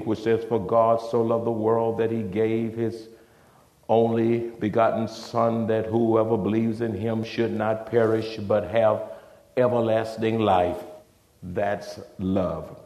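A man's voice: on the low side, a little mellow. A man, a pastor, preaching a sermon at a pulpit microphone in a church sanctuary, emphatic and in short phrases. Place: church sanctuary with seating areas. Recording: roomy church echo.

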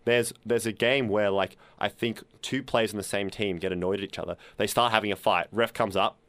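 A man's voice: fairly low pitch, steady tone, a little fast, fairly bright tone, dry recording. A man co-hosting a casual comedy podcast, acting out silly voices and laughing often. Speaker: podcast co-host.

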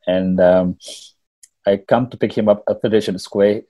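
In a muffled recording, a Wolof-speaking man from Senegal talks with a Senegalese accent in a lowish, steady voice. He's a musician appearing as a guest in a relaxed interview, sharing stories in a halting way with repeated words.

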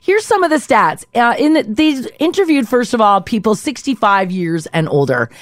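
A woman's voice: a little high, big pitch swings, moderate pace, no echo, clean studio sound. A woman in her thirties co-hosting a casual radio talk show, reading out poll stats and listener texts. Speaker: radio co-host.

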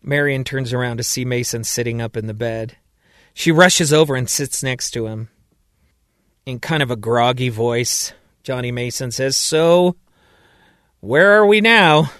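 A man narrating a story in a slow, even storytelling manner. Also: medium pitch, no room sound, studio quality. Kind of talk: scripted narration.

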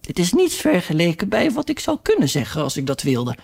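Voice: medium pitch, huge pitch swings, a little fast, creaky, a little mellow, husky, exaggerated voice. A reader voicing a pompous old duchess who rambles in morals. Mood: rambling. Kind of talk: audiobook reading.

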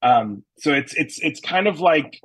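A man with a New England accent answers interview questions about his stage work, rambling easily with many ums and restarts. His voice has a husky, slightly breathy edge, and it sounds close and dry with no room around it. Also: fairly high pitch, lively intonation, measured pace, fairly bright tone, no room sound, poor audio. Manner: chatty, many fillers and restarts. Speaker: stage actor, interview guest.

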